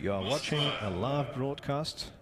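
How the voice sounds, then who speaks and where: Male live interpreter over loud crowd. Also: medium pitch, lively intonation, unhurried. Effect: live interpreter voice-over on a broadcast. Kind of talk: simultaneous interpreting of a live broadcast.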